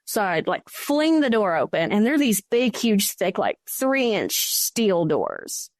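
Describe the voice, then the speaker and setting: A woman's voice: mid-range voice, slow, no room sound. Dry-sounding woman telling a ghost story. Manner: animated storyteller who acts out quoted speech. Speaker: guest. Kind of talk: recounting a personal ghost story.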